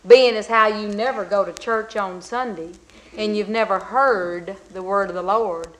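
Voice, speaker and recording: Saint Peter, voiced by a woman, slow and solemn. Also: medium pitch, a bit bright, natural voice, poor audio.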